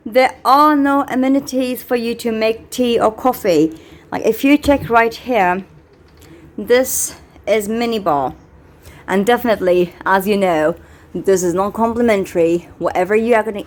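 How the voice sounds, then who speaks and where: A woman giving a casual, unscripted hotel tour for a vlog, chatting in a halting way as she shows things around her. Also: medium pitch. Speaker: vlogger touring a hotel. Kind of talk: casual handheld vlog narration. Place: small hotel room, later the hotel lobby, corridors and elevator. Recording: noisy handheld recording with background ambience.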